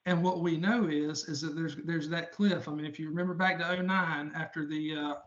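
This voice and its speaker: Male presenter, middle-aged, deep South accent, higher-pitched voice, folksy and conversational, on dull lo-fi audio. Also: fairly even intonation, a little fast. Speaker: public sector finance expert, presenter. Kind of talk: informal webinar presentation.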